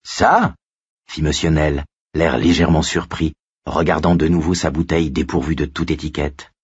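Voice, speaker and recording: A man narrating an audiobook in a steady storytelling manner. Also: extremely low pitch, brisk, slightly rough, no room sound, studio quality. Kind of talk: scripted narration.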